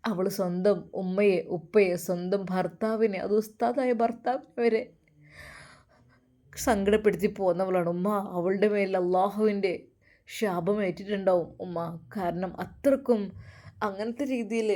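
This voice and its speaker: A woman's voice: mid-range voice, measured pace, warm tone, lightly acted. A woman voicing a stern grown son who questions his mother insistently.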